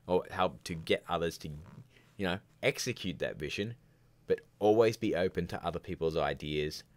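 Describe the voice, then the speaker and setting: A deep-voiced man hosts a filmmaking show's casual live Q&A, rambling from answer to answer with candid opinions and jokey asides. The recording is dry, with no room sound around his voice.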